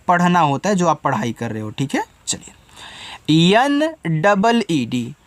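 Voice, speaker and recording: Slow-spelling male English teacher. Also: high-pitched, no room sound. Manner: spells words letter by letter, slow and deliberate; patient, coaxing teacher talk. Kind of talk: spelling lesson for beginners.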